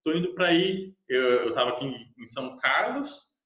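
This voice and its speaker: A young Brazilian man, an English teacher, telling a lively self-mocking personal story in casual Portuguese. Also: medium pitch, moderate pace. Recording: echoey room.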